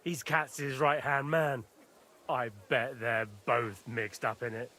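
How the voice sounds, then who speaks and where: A man's voice: medium pitch, slow pace, sharp tone. A spiteful soldier speaking at a video game trial. His mid-range voice carries a snide, sneering tone.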